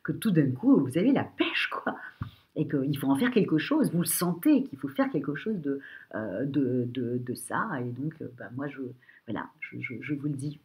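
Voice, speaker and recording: A woman with a broken, cracking, rather weak voice gives an informal horoscope to viewers as an astrologer, emphatic but halting, often repeating herself. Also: rumbling low, expressive, a little mellow. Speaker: astrologer giving a monthly horoscope.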